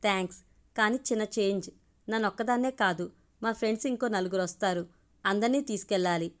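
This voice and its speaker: A woman voicing a quick-tempered, spirited young woman in a spoken audio story. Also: medium pitch, close to an everyday voice. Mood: pleading.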